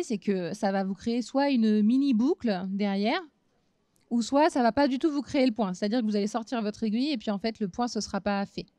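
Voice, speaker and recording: A woman's voice: mid-range voice, no echo. Chatty woman demonstrating a craft, dry sound. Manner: relaxed, chatty, many hesitant fillers. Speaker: craft instructor. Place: small trade-fair stage booth.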